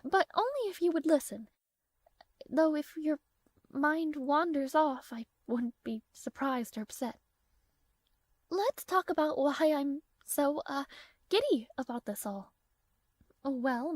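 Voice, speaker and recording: High-voiced haughty young princess, acted by a woman. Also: dry recording. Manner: imperious, formal courtly phrasing with bashful hesitations. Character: haughty young princess, flustered and secretly fond of her knight. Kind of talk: romantic fantasy audio roleplay acting, addressing the listener.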